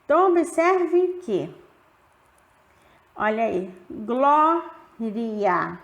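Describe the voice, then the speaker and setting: A woman gives a grammar lesson in a high, clear voice. She talks slowly and stretches out the example words. The room around her rings with echo. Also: lively intonation, lo-fi sound. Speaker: teacher. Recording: roomy echo.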